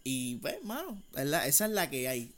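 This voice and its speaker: A man's voice: mid-range voice, big pitch swings, normal speed, fairly bright tone. A Puerto Rican man hosting a podcast in casual, crude comic banter with exaggerated emphasis. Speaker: podcast host.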